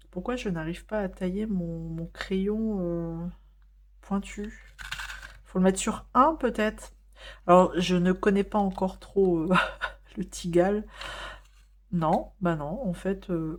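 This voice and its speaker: Woman vlogging at home while coloring, lowish voice, lots of umms and restarts, chatty. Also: a little mellow. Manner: chatty, many hesitations and fillers. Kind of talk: casual chat while coloring.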